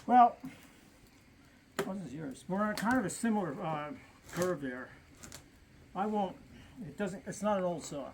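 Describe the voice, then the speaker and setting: A man speaks in a thin, reedy, somewhat squeaky voice that sits a bit high. He explains things off the cuff like a hobbyist, rambling and pausing as he thinks aloud. There is noticeable noise in the recording. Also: lively intonation. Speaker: vintage chainsaw hobbyist explaining features. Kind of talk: casual, unscripted explaining and chat.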